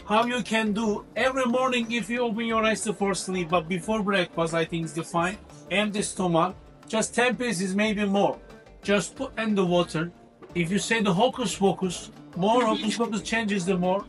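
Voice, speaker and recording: Man, high-pitched spice-stall salesman pitching in broken English, taken from a camera across the shop. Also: steady tone, moderate pace, fairly bright tone, soft background music. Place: busy spice shop indoors. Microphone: far camera.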